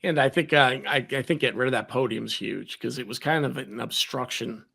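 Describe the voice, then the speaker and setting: Bright, gravelly-voiced man, animated. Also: mid-range voice, brisk. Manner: animated, talks with his hands. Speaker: podcast host. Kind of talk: casual conversation.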